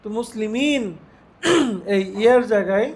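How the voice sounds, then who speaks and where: A man teaching a religious lesson, reciting Arabic phrases slowly and putting questions to his students. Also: very high-pitched. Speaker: Islamic teacher.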